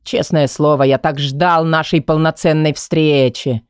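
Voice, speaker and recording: A woman's voice: steady tone, unhurried, clear, resonant tone, no echo, clean studio sound. A woman voicing a cruel, menacing young man. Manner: snarling, threatening, low menacing whisper.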